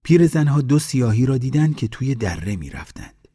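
A man reading a folk tale aloud in a measured, even narration. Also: mid-range voice, slightly rough. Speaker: storyteller.

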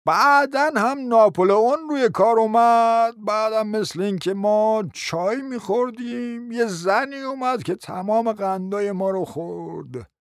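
A reader voicing a forgetful old prince who talks slowly and hesitantly, in a dry close recording. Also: medium pitch, no room sound, pitched above the performer's own voice, natural voice. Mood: muddled. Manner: slow, hesitant, wandering.

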